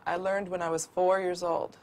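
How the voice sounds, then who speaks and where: Deaf guy being interviewed, flat gravelly delivery, bit of room hum. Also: sits high, moderate pace. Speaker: interviewee, deaf test subject.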